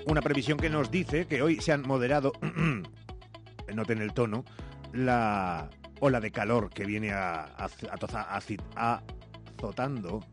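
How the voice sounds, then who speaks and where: A man's voice: medium pitch, a little slow, soft background music. A man with a Castilian Spanish accent hosting a live radio magazine show in a playful, teasing, theatrical manner. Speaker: radio host.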